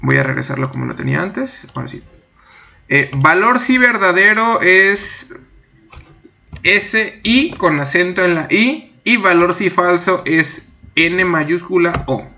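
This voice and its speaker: Bright, gravelly male software instructor. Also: high-pitched, expressive, a little slow. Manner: reads each task aloud, then narrates his clicks step by step. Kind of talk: screen-recorded software tutorial.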